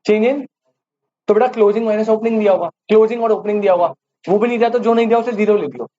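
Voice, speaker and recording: A man's voice: high voice, rapid-fire, warm tone. A man teaching commerce to a live class. He keeps quizzing the students and repeats the key terms back to them. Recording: dull lo-fi audio with faint hiss.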